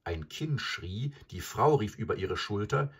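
Very husky deep-voiced man reading a story. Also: unhurried. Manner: expressive storytelling. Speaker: narrator.

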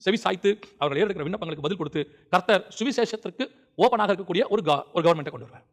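A man's voice: high voice, lively intonation, rapid-fire. A man preaching a sermon in a fervent, colloquial way, rising to emphatic outbursts and acting out quoted prayers.

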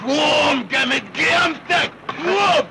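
A gravelly, bossy foreman. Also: extremely high pitch, unhurried, heavy background noise, heavily acted. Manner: barking orders, scolding. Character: harsh gruff work foreman, bossy.

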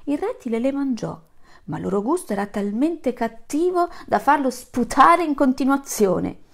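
Animated woman reading a story to children. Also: high-pitched, normal speed, vocal fry. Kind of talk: expressive read-aloud.

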